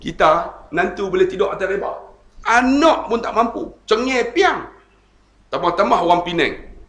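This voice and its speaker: A male Islamic preacher with a Malaysian Malay accent, giving a humorous sermon in an animated way, often addressing the audience as tuan-tuan and acting out the voices in his stories. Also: sits high, normal speed, roomy sound.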